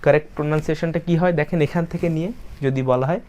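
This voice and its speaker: A man leads an online English pronunciation lesson in a fairly high voice. He explains patiently and says each example word slowly, several times over. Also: steady tone, a little mellow, clean tone. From Bangladesh. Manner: explanatory, repeats words slowly to model them.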